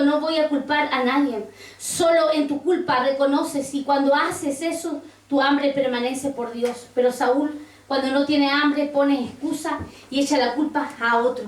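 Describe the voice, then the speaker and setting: High-voiced woman preaching in a roomy church. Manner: preaching, quoting scripture, asking the congregation. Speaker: pastor. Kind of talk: sermon. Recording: roomy church sound from a distance.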